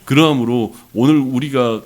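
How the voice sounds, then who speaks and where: A man's voice: medium pitch, a little slow, a little mellow. A middle-aged man from Jeolla, South Korea, preaching a sermon as pastor, telling a personal story with earnest rhetorical questions to the congregation.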